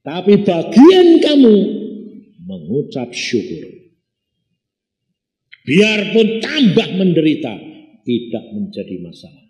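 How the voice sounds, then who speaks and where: A man preaching a sermon with a Javanese accent, telling stories with lively back-and-forth dialogue and slipping into Javanese phrases. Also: mid-range voice. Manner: lively storytelling, mixing Javanese into Indonesian and acting out dialogues. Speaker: pastor. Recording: echoey church hall.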